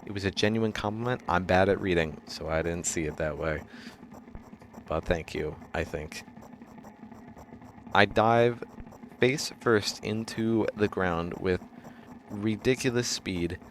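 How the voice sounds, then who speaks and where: Slow low-voiced man reading game text. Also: slight background noise. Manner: halting reading with frequent restarts and self-corrections; breaks into loud dramatic shouts on the outbursts. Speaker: streamer reading a game's text aloud. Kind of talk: casual reading of game narration on stream.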